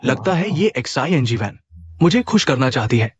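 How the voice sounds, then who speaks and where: A man's voice: mid-range voice, big pitch swings, normal speed, breathy edge, no echo. A man dubbing an arrogant, accusing executive in a drama, with contemptuous delivery. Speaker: dub actor. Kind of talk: dubbed drama. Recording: music behind.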